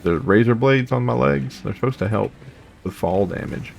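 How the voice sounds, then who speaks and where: A young gaming host with a medium-pitched, darkish voice and some vocal fry chats and rambles at a moderate pace during a let's play. He hums to himself between thoughts, and there's a little hiss or hum in the audio.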